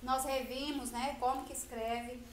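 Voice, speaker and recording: Brazilian teacher, woman, high voice, patient and explanatory, echoey room with faint hiss. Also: little pitch movement. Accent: Brazilian Portuguese. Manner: patient, explanatory, stresses example sounds slowly. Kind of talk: children's grammar lesson.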